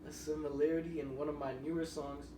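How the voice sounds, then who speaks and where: Heard through a distant, noisy mic in a roomy space, a young musician guesting on a podcast rambles casually through loose stories. He talks fast in a fairly high voice that barely moves in pitch.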